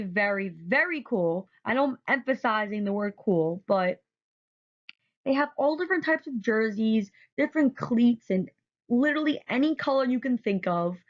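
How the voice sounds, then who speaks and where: A woman narrating a photo presentation, enthusiastic and often repeating words for emphasis. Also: fairly high pitch. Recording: dull lo-fi recording.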